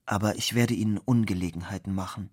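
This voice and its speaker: A man reading aloud who voices a timid, resigned jobless beggar, speaking quietly. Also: fairly low pitch, steady tone, fast, no room sound, studio quality, lightly acted.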